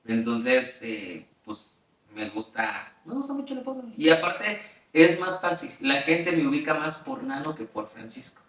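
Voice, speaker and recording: A man's voice: fairly high pitch, very animated, a little slow, a bit bright. A man with a Mexican accent, a guest telling stories in a chatty way, laughing often and using many fillers. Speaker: interview guest. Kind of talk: casual storytelling. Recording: roomy sound, mic at a distance.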